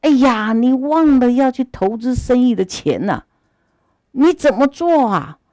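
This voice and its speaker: A woman's voice: sits high, lively intonation, mellow, no room sound, pitched above the performer's own voice. A woman voicing a well-meaning male stand-in god who speaks up urgently and pleadingly. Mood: worried. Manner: urgent, pleading, talking fast.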